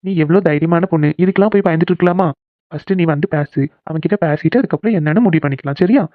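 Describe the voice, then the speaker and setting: A performer voicing a caring young man in a cartoon who coaxes and gently scolds his friend. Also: medium pitch, racing, no room sound, lightly acted. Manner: coaxing, bossy, gently scolding. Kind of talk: cartoon voice acting. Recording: tinny phone-like sound, dry.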